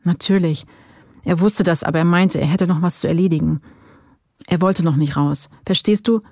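A worn-out man answers his interrogators in weary, defensive bursts, with a gravelly rasp in the voice, as a narrator reads him. The sound is close and dry. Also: medium pitch, normal speed, a little mellow, no room sound, lightly acted. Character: exhausted, cornered male informant under interrogation.

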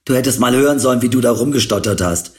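A man's voice: medium pitch, quick pace, close to an everyday voice. A man voicing a cocky young man who talks bluntly and teases his friend in slang. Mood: teasing.

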